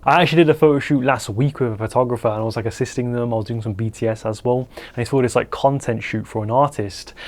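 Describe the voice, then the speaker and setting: A young man, a portrait photographer, giving casual advice to camera in a rambling way full of fillers and restarts. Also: a little mellow. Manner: acts out quoted voices with pitch jumps.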